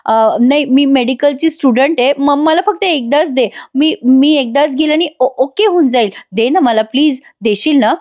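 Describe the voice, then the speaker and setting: A woman's voice: sits high, normal speed, hardly any pauses, a little mellow, natural voice. A woman voicing a desperate young woman student who stammers and pleads. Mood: pleading.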